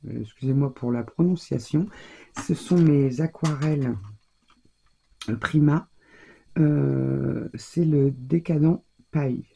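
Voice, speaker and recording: Gravelly-voiced woman chatting while crafting. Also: very deep voice, slow pace, long pauses, mellow. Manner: chatty, thinking aloud while working. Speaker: scrapbooking crafter. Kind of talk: casual crafting commentary.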